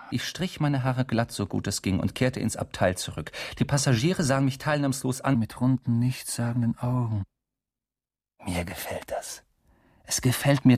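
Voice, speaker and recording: An actor in a radio drama speaking a wry, rambling, drunkenly philosophical first-person monologue in a gravelly, husky voice. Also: male voice, mid-range voice, darkish tone, dry recording, clean studio sound, natural voice. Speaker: narrator and protagonist.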